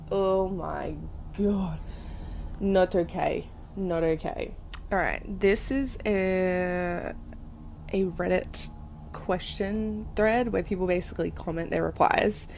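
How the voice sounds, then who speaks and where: A young woman hosting a casual storytelling podcast, telling ghost stories in an animated, sweary way full of fillers. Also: fairly low pitch, a little hiss or hum. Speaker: podcast host.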